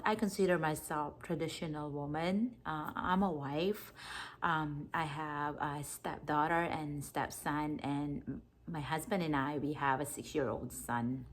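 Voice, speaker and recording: A Filipino woman in her thirties with a deep voice chats casually to the camera as a vlogger, rambling along with lots of fillers and restarts.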